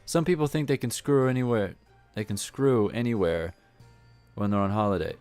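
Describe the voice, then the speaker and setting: Man playing a brisk young female supervisor. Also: lowish voice, a little mellow, no room sound, soft background music, natural voice.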